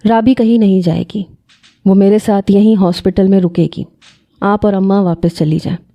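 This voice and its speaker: Brief: lovesick teen boy, soft and pleading, dark mellow tone, read by a woman. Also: medium pitch, steady tone, dry recording, natural voice. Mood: insistent. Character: lovesick nineteen-year-old young man.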